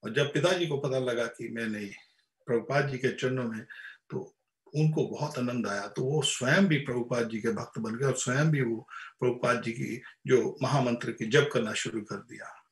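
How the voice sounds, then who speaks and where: A man giving an impassioned spiritual discourse, rising to loud emphatic peaks and often repeating words as he restarts. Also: mid-range voice, normal speed, echoey room. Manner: repeats words while searching, frequent restarts. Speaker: spiritual lecturer. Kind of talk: Hindi religious discourse.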